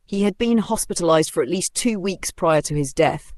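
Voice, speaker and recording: A channel narrator giving a formal, even, sombre scripted news read. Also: medium pitch, normal speed, dry recording, studio quality.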